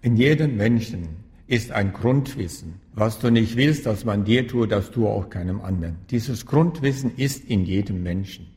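A man answering interview questions as a spiritual teacher and author, calm and emphatic, repeating key phrases for stress. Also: on the low side, normal speed, few pauses, in a large hall.

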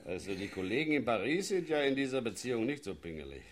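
A man's voice: mid-range voice, quick pace. An actor playing a zealous policeman who gloats about using force in a satirical sketch. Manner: gloating, leering, lively. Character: zealous male riot policeman, relishing force. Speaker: policeman character.

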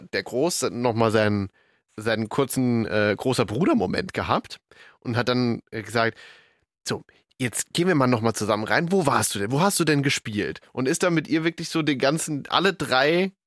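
A man in his thirties co-hosting a casual podcast, relaxed and easygoing. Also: medium pitch, normal speed, no echo, studio quality. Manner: relaxed, lots of agreeing murmurs. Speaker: podcast co-host. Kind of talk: casual chat.

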